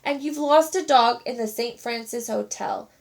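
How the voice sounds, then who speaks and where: A woman voicing a gruff, bossy middle-aged chef who is a father, roaring orders in a storybook read-aloud. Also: a little high, normal speed. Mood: stern.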